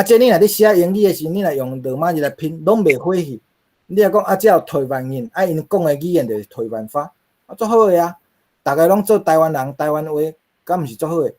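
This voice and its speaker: A man's voice: fairly high pitch, darkish tone. A middle-aged man with a Taiwanese accent, giving a linguistics lecture to a class, asking rhetorical questions and using many fillers.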